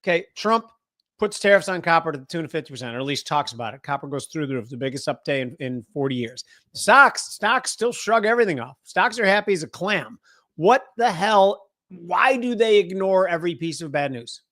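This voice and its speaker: A man's voice: a little high, animated, a little fast, bright, forceful tone. A middle-aged man from the United States co-hosting a trading show, chatting casually and joking, laughing often. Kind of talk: casual market chat.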